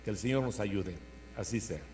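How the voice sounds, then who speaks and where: Solemn priest, hummy recording. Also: male voice, on the low side, a little mellow. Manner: solemn, measured phrasing addressed to the faithful. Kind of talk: homily and liturgical prayer to a congregation. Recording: noisy church recording with mains hum.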